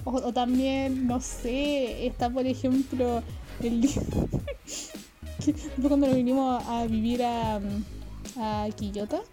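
A woman's voice: high voice, fairly even intonation, takes it slowly, over music. A woman with a Chilean accent casually telling childhood anecdotes, full of slang and swearing and laughing as she goes. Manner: slangy, swears often, laughs through stories. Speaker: storyteller.

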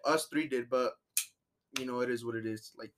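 A man with a medium-pitched voice hosts a casual podcast while drunk. He speaks in informal slang with swearing, and faint noise sits on the recording. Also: normal speed, a bit bright. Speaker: podcast host. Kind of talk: casual chat.

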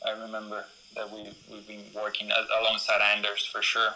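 A man's voice: on the low side, completely flat delivery, a little fast, sharp tone, poor audio. A young man from Ecuador, a BMX racer, talking casually in an interview with lots of fillers and restarts. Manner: rambling, many fillers and restarts.

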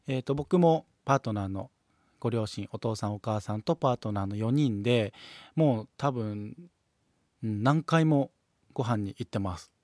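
A man's voice: medium pitch, a little mellow, dry recording, studio quality. A man with a Kansai accent hosting a solo podcast, talking politely and measuredly with frequent hesitation fillers as he answers and reads listener mail. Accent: Kansai Japanese. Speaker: podcast host.

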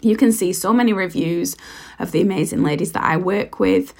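A woman podcast host and coach with a hoarse, croaky voice, giving an emphatic motivational talk straight to the listener, repeating phrases for weight. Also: lowish voice, fairly quick. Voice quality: husky, croaky. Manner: emphatic, repetitive, direct address to listener. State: hoarse, sore voice.

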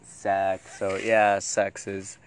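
A man's voice: low voice, monotone, drawn-out words. A young man with a Filipino accent rambling in a giggly, drunken way in casual podcast chat, repeating himself and swearing. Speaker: podcast host. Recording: faint background noise.

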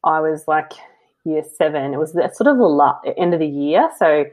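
This deep, expressive voice belongs to a woman from New Zealand, moving at a moderate pace. Appearing as a guest in a relaxed interview, she is open and self-reflective, wandering in her thoughts and dotting her speech with fillers and gentle laughter.

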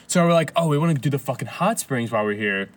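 A man telling a long story in casual chat, animated and full of swearing and laughter. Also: mid-range voice, fast talker.

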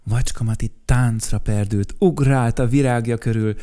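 A man reading a children's story aloud in an expressive, playful voice. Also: medium pitch.

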